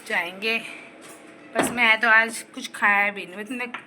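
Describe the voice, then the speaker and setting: A woman's voice: fairly high pitch, a little slow, background noise. A young woman chatting casually in her vlog, rambling through funny personal stories with a slight cough. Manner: rambling, animated, laughs while telling stories. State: slight cough and sore throat. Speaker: vlogger.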